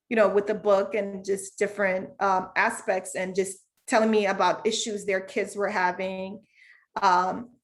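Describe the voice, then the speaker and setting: A woman from Zambia, a children's book author, reading her story aloud and then talking about it on a video call in a relaxed, conversational way. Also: mid-range voice. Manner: relaxed, conversational, many fillers. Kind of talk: reading aloud and interview answers.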